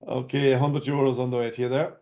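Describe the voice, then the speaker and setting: A man with an Irish accent working as a bingo caller, reading out numbers and game updates in a measured, formulaic way. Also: mid-range voice, flat delivery, dark tone. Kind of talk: bingo calling, numbers read digit by digit then whole.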